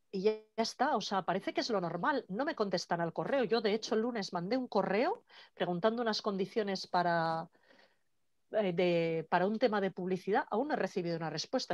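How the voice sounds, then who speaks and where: A woman leading an online workshop in a lively, conversational way. She acts out quoted dialogue as she talks. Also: medium pitch, normal speed, dry recording, highs cut off. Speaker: workshop trainer. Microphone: video call.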